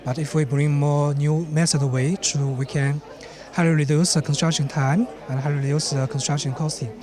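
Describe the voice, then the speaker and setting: A man's voice: fairly high pitch, fairly even intonation, normal speed, a crowd in the background. A man answering an interview question, searching for his words.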